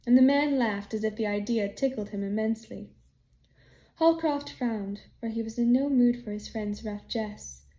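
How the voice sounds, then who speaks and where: A woman narrating an audiobook chapter in a calm, soft, steady storytelling manner. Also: on the high side, moderate pace, reverberant. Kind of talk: scripted narration.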